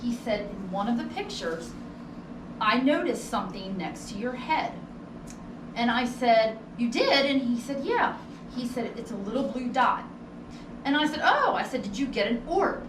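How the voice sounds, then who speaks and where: On a recording that's roomy and distant-miked with noticeable background noise, a woman giving a ghost tour narrates casually and conversationally, voicing what people said. Her voice is a little high and lively in intonation, at a normal speed.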